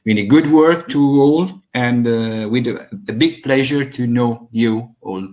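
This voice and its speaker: A man with an Italian accent introducing himself over a video call, halting and searching for words. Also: medium pitch, a little mellow. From Italy. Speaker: online attendee. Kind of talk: brief self-introduction. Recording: dull lo-fi online call.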